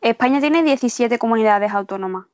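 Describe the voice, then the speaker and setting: Una mujer malagueña con acento andaluz responde con calma y precisión, siempre con frases completas. La grabación es seca y sin eco. El sonido llega apagado y de baja calidad. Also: female voice, a little high, fairly quick, dry recording, dull audio. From Málaga, Spain. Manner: calm, precise, full-sentence answers. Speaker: guest answering questions. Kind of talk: question-and-answer lesson.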